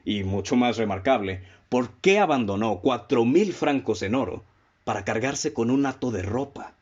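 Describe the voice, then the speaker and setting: In a radio drama, a composed and methodical male detective, voiced by an actor, lays out deductions in a measured, lecturing tone and fires off pointed questions. The voice is mid-range with a breathy edge, the highs are cut off, and he sounds probing.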